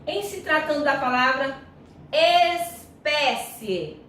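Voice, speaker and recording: A Brazilian woman teacher giving a grammar lesson, who sounds out syllables slowly and often checks in with her students. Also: sits high, lively intonation, a bit bright. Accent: Brazilian Portuguese. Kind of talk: recorded online grammar lesson. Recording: echoey room, voice far from mic, faint noise.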